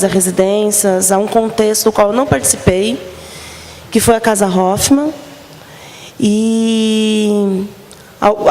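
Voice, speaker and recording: A woman's voice: fairly high pitch, gravelly. A woman speaking on a dance panel as an artist and program organizer, reflective and searching for her words. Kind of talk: panel discussion. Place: arts center stage. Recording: reverberant hall with faint noise.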